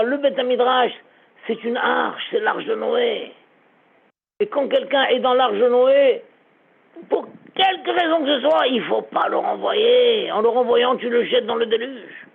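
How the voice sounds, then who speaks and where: A man's voice: extremely high pitch, a little slow, vocal fry, husky. A man, a rabbi, teaching a lesson through a dramatic story, repeating words for effect, heard over a tinny phone-like recording.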